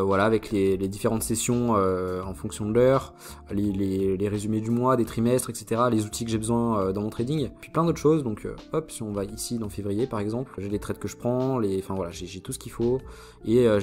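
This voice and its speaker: Young male tutorial host, rapid, halting, casual; soft music bed. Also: on the low side. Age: young adult. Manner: hesitant, many fillers and restarts, addresses viewer informally. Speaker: trading YouTuber. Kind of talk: casual screen-share product walkthrough.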